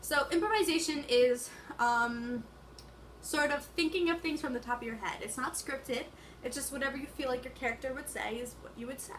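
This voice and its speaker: Young woman, student presentation, casual and hesitant, high voice, faint hiss behind. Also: normal speed, fairly bright tone. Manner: casual, hesitant, many fillers. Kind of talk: class presentation.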